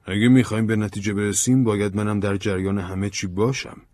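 Man reading a persistent investigator, insistent, low husky voice. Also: flat delivery, darkish tone, close to an everyday voice. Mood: urgent. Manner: insistent, persuasive. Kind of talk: audiobook drama reading.

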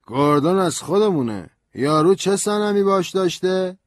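A man's voice: sits high, lively intonation, no echo, voice pushed up. A man voicing a drunk, hostile middle-aged lawyer who talks bluntly and distrustfully. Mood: suspicious.

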